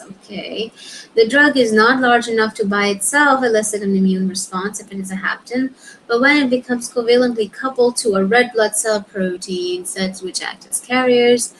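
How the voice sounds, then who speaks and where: A woman's voice: a little high, fairly bright tone, a little hiss or hum, rough recording. A young woman reviewing exam questions, reading answer explanations aloud and muttering short asides to herself as she works them out. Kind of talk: thinking aloud while studying.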